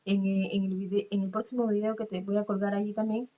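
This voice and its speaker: A woman's voice: mid-range voice, little pitch movement, brisk. Lady teacher going thru a lesson, patient, keeps asking "sí?", muffled lo-fi recording. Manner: patient, explains step by step, checks with "¿sí?".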